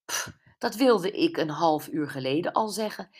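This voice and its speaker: A woman's voice: sits low, animated, moderate pace, darkish tone, husky. A woman reading as wry candid Brenda. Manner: wry, emotional, tearful at times. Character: Brenda, woman friend, candid, self-mocking. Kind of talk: audiobook character voice.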